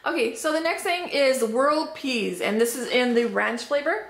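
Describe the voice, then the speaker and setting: A woman chatting upbeat and thinking aloud as she unboxes and tastes snacks, her voice slightly hoarse. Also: high voice, normal speed. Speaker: unboxing vlogger. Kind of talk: casual product tasting review. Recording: roomy echo, faint background noise.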